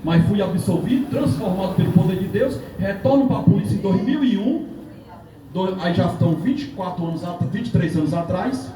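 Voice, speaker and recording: A man's voice: high voice, expressive, moderate pace, dark tone. A middle-aged man giving a fervent church testimony, acting out the dialogue in his story and rising to exclamations. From Northeast Brazil. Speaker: police officer giving testimony. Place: church hall. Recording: echoey hall mic from far off with congregation.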